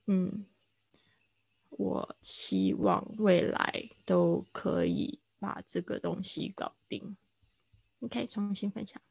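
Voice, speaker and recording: A woman teaching English vocabulary in Mandarin on a livestream, explaining slowly and repeating words for drill. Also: mid-range voice, steady tone, gravelly, darkish tone, husky, no echo. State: hiccuping.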